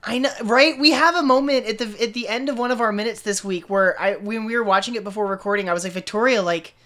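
A woman co-hosting a fan podcast talks fast in a high-ish, fairly bright voice. She chats casually and enthusiastically in millennial style, scattering "like" all through her speech.

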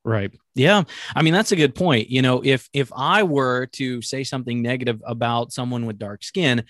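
A man's voice: medium pitch, a bit bright, dry recording. Earnest man in a dry, close recording. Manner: earnest, measured, frequent ums and restarts.

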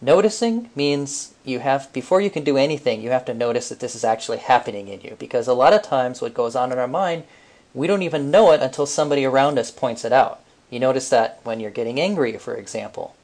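Man calmly teaching a mental technique. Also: mid-range voice, quick pace. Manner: explains step by step, relaxed with frequent fillers. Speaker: podcast co-host. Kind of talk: casual teaching talk.

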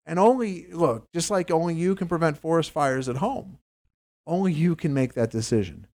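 A male talk show host rambles through his points, often stumbling and restarting. His fairly high voice swings widely in pitch and carries a gravelly rasp. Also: normal speed. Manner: rambling, animated, stumbles over words. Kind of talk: casual investing talk show banter.

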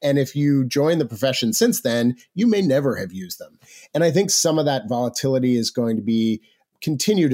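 A man's voice: mid-range voice, a little mellow. Conversational male podcast guest, mid-range voice. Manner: informal, explanatory, checks in with "right?" and "you know". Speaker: podcast guest, financial policy advocate. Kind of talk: conversational expert commentary.

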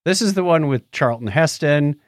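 Here the co-host's voice sits on the high side, with lively intonation and a moderate pace. He's a middle-aged or older man reviewing movies and books in casual, rambling podcast chat, often hunting for names. The recording is clean studio audio with no room sound.

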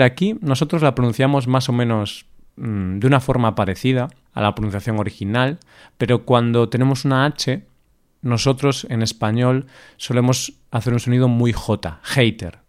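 A man from co-hosting a casual chat podcast, musing aloud about how Spaniards say English words, with easy fillers. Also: medium pitch. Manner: relaxed, thinks aloud with fillers. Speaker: podcast co-host.

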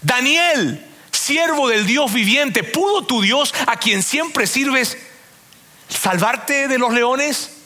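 A man's voice: very high voice, moderate pace, bright, forceful tone, voice pushed up. A man voicing a remorseful ancient king who asks pleading, repeated questions. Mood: anxious calling.

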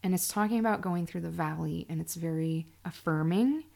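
A woman's voice: on the low side, a little fast, vocal fry, darkish tone. A middle-aged woman hosting her own podcast, talking candidly and sarcastically in a solo monologue. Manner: candid, sarcastic, emphatic storytelling. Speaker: podcast host.

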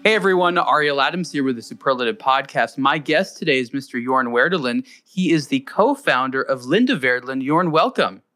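A man's voice: medium pitch, animated, fairly quick, few pauses, pushed and bright, soft background music. A man hosting a podcast interview, chatty and loose, often repeating words as he starts a thought. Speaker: podcast host. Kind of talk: casual interview.

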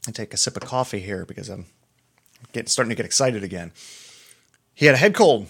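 A middle-aged doctor from Pennsylvania hosts a casual solo podcast, chatty, self-deprecating and prone to digressions. His lowish voice is gravelly and husky yet fairly bright, and he talks fast and animatedly.

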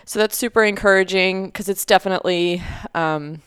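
A woman's voice: medium pitch, moderate pace, a bit bright, clean tone, no room sound, clean studio sound. A young woman co-hosting a podcast, chatting casually with lots of fillers and easy laughter. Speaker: podcast co-host. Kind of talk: casual chat.

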